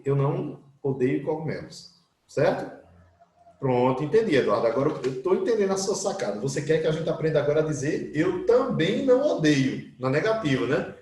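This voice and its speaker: A lively male English teacher, his voice sitting a little high and swinging widely in pitch. He talks the class through grammar and acts out the questions students might ask. The room around him is echoey. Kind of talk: online class explaining grammar.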